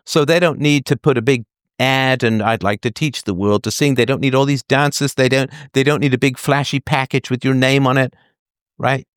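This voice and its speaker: This call-in advice host has a medium-pitched voice with fairly even intonation and a moderate pace, captured in clean studio sound without echo. Chatting conversationally, he makes his points emphatically through analogies and frequently checks that the listener is keeping up.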